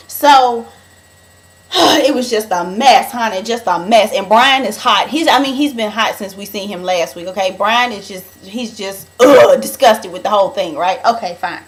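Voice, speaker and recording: Young woman spilling the tea on last week's episode, chatty and dramatic, keeps saying honey. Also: medium pitch. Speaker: vlogger recapping a reality show. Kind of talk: casual gossip recap.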